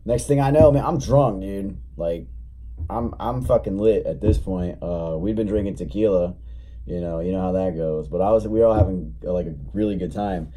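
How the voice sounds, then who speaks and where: A man's voice: sits low, normal speed, warm tone, slight background noise. A young man casually telling a story in a rambling, profane, laid-back way, still recovering from being sick. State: recovering from illness, coughing. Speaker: vlogger.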